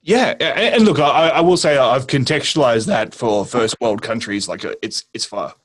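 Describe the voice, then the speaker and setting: A man's voice: mid-range voice, normal speed, a bit bright, breathy edge. Australian male guest, mid-range voice, blunt, matter-of-fact, dry humor. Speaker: guest, violence management specialist. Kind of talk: casual conversation.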